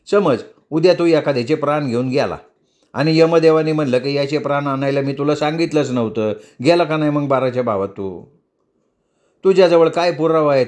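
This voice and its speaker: A man's voice: fairly high pitch, darkish tone, lightly acted. A male storyteller voicing an anxious working-class driver who pleads and argues his case.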